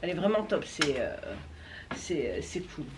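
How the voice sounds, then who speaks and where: A young woman vlogger talks to camera about roller skates, chatty and enthusiastic, with many fillers and restarts. She has a low, sing-song voice at a normal speed, and there's a little hiss or hum.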